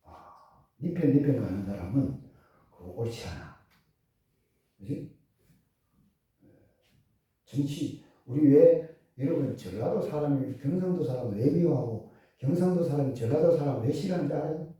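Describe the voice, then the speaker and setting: A man's voice: on the high side, lively intonation, unhurried, long pauses, warm tone. A man preaching a sermon, full of rhetorical questions to the congregation. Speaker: pastor. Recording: echoey church hall from far off.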